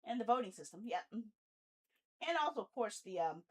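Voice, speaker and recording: A streamer, female, keeps things playful and casual while sorting out her game setup, often speaking to herself as she fixes things. Her voice is slightly high and expressive with a breathy edge, at a moderate pace.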